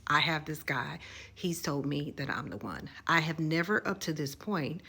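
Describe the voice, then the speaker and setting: Husky-voiced woman telling a story. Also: low-pitched, moderate pace. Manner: animated, conversational, asides to viewers. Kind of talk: casual storytime video.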